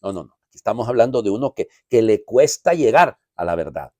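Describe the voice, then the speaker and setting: A man's voice: fairly low pitch, very animated, a little fast, mellow, no room sound. A man, a priest, giving a conversational homily full of asides and rhetorical questions.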